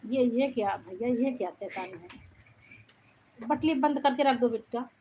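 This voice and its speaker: A woman's voice: a little high, expressive, a little slow, darkish tone, a little hiss or hum. A woman hosting a casual live stream from a room at home on a phone. She greets viewers by name and scolds a child off to the side.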